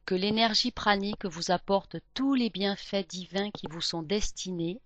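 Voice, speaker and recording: A woman narrating a scripted spiritual lesson and guided meditation in a gentle, measured, deliberate way. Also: medium pitch, highs cut off.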